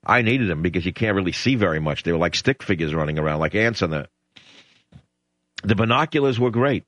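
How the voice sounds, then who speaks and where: A deep-voiced male host, animated and fairly quick with a fairly bright tone, rambles sardonically through opinions and call-in chat in a studio. The dull lo-fi radio broadcast has no echo.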